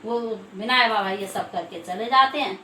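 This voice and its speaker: A woman's voice: medium pitch, normal speed, pushed and bright. A woman vlogger telling a religious folk tale in a sing-song, repetitive storytelling manner, recorded from some distance in an echoey room. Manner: sing-song, repetitive folk narration with many "she said" tags. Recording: echoey room, voice far from mic, faint background noise.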